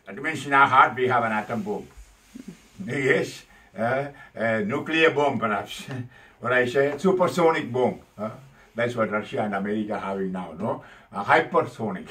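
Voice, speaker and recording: A man preaching a sermon as a priest, emphatic and animated, with many fillers. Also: medium pitch, moderate pace, distant mic, rough recording.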